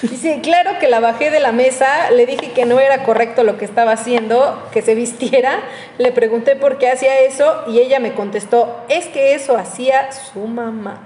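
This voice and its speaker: A woman's voice: on the high side, moderate pace. Laughing woman host reading stories. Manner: lively, laughs often, chatty asides. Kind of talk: reading listener stories aloud and chatting. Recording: roomy studio with long reverb and faint noise.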